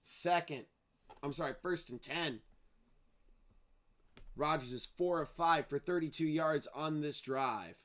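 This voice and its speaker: A man's voice: fairly high pitch, slow, long pauses, fairly bright tone. A man streaming live play-by-play commentary on a football game, calling each play and dropping casual, sarcastic asides.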